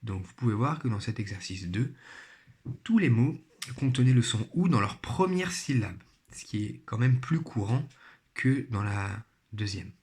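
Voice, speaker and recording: A man's voice: mid-range voice, animated, a little slow, a little mellow. A man teaching a primary phonics lesson, speaking patiently and spelling out each sound and syllable carefully. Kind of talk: recorded remote phonics lesson.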